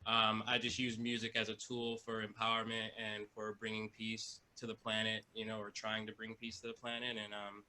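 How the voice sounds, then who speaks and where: A musician and educator introducing himself casually over a video call, soft-spoken and humble with many pauses. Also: male voice, fairly low pitch, completely flat delivery, slight background noise, rough recording.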